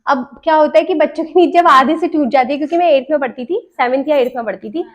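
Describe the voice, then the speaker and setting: A woman's voice: sits high, quick pace. Chatty young woman telling stories, lo-fi sound. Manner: chatty, laughs while recalling. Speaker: podcast host sharing stories. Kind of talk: casual storytelling chat. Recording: dull lo-fi sound.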